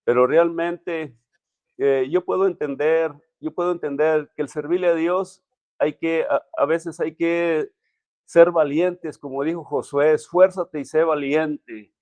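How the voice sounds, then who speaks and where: A man's voice: fairly high pitch, steady tone, a little mellow, no room sound, highs cut off. Emotional man telling his testimony. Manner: emotional, halting storytelling with many restarts. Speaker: pastor, interview guest. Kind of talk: personal testimony in conversation.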